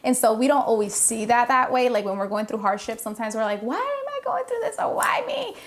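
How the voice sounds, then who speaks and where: Woman, forties, open and reflective, slightly high voice. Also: sing-song, a little fast. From Providence, Rhode Island. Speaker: podcast guest. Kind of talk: casual personal storytelling.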